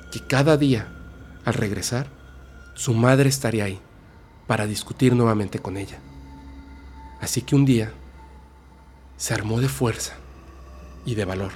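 A man hosting a podcast, narrating a horror story in a slow, dramatic way that drops soft for suspense. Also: on the low side. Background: faint music.

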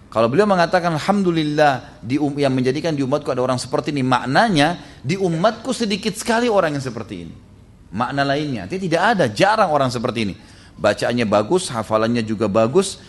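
An Indonesian man preaching a religious lecture, reciting Arabic texts and translating them, often asking listeners to agree. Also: medium pitch. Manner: explains hadith, quotes Arabic then translates.

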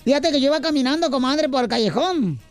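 A man voicing a loud, bossy heavyset comadre in a radio comedy sketch. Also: very high-pitched, lively intonation, fast talker, faint music behind. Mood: sassy. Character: brassy heavyset gossiping comadre woman.

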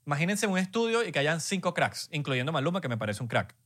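A man's voice: fairly high pitch, big pitch swings, fast, fairly bright tone. A young man with a Venezuelan accent co-hosting a podcast in emphatic casual chat, peppered with slang fillers. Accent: Venezuelan Spanish. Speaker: podcast co-host.

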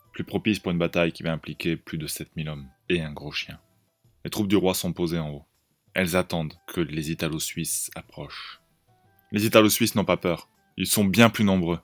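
A man hosting a podcast, narrating an improvised story in a lively way. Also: low voice.

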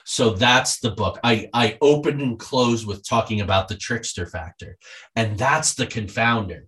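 A man speaks as a guest in an interview, telling his stories with energy. His voice sits a little low, and he slips into the voices of people he quotes. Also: unhurried. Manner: lively, acts out quoted voices. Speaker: guest author. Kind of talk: animated interview storytelling.

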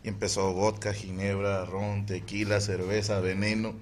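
A man with a Mexican Spanish accent, a podcast co-host telling crude jokes in casual chat, animated and breaking into laughter. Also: lowish voice, moderate pace, very noisy.

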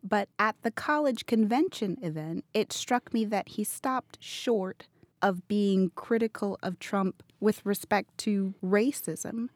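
Young woman reporter, quick and fluent. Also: mid-range voice, no room sound. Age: young adult. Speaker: news reporter. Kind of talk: casual radio chat.

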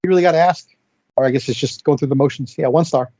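A man co-hosting a podcast, cutting in with quick joking remarks. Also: a little high, mellow, husky, no echo. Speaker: podcast co-host. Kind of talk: casual chat. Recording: dull muffled dry mic.

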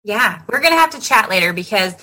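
A woman's voice: mid-range voice, lively intonation, fast talker, pushed and bright. A woman hosting a podcast interview, speaking in a friendly, loose way with filler words. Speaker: podcast host. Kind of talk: casual interview chat.

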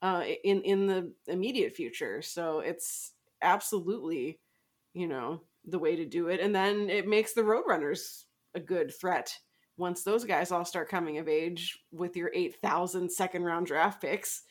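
A woman's voice: on the low side, a little slow. A woman co-hosting a casual sports podcast, joking and laughing often. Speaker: podcast co-host. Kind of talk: casual chat.

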